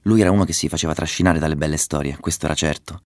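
A man reading a children's story aloud, narrating with a lively delivery and excited voices for the dialogue. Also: extremely low pitch, racing, no echo, clean studio sound.

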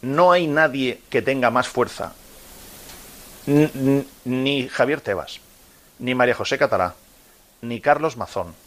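A man's voice: mid-range voice, measured pace, pauses often, a bit bright. A man in his fifties from Murcia, hosting a sports radio show and delivering an impassioned monologue, speaking straight to his listeners with rhetorical questions. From Murcia, Spain. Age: 50s. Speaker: radio host.

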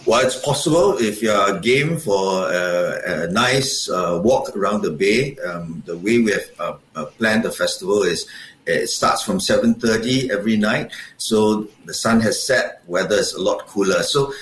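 Man, lowish pitch, official interview style, hesitant measured phrasing, echoey room, faint noise. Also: fairly bright tone. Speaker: festival director, interview guest. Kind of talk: formal interview answers. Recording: roomy echo with faint background noise.

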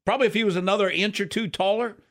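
A man's voice: sits high, very fast, a bit bright. A man co-hosting sports radio, giving casual football analysis in an emphatic, repetitive, conversational way.

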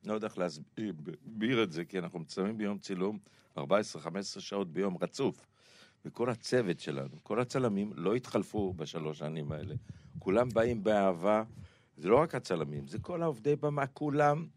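A deep-voiced man tells rambling, animated stories as a guest in a radio studio. His voice sits very low and sounds close and dry. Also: dry recording. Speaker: comedian guest. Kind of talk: talk show conversation.

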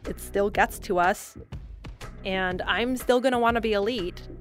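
A woman in her thirties telling personal anecdotes in a casual, animated, wry way. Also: mid-range voice, a little slow, faint music behind. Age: 30s.

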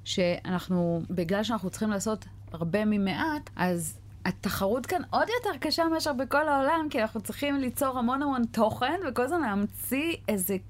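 A woman's voice: fairly high pitch, expressive. A woman with an Israeli accent talking conversationally as an interview guest, stressing her points through repetition. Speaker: casting director interviewed as guest.

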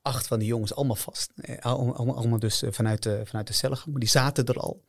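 A man talking as a guest on a talk podcast, with a gravelly, creaky edge to his voice. He speaks in halting bursts and keeps restarting and repeating words as he gathers his thoughts. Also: mid-range voice, fairly even intonation. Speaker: criminal defense lawyer, podcast guest. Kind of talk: podcast interview.

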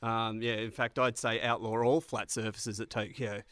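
A man with a broad Australian accent co-hosting a comedy podcast in casual satirical banter, blokey and sweary, rambling haltingly toward his point. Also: mid-range voice, flat delivery, fairly bright tone, dry recording. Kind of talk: casual satirical banter about sports news.

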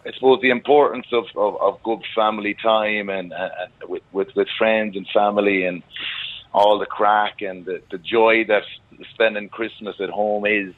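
A man with a western Irish accent talks in a casual, rambling interview style, often repeating phrases as he goes. His voice sits fairly low and comes through a narrow, phone-like line with little room sound. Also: fairly even intonation, normal speed, no echo. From Galway, Ireland. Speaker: wedding singer and musician guest.

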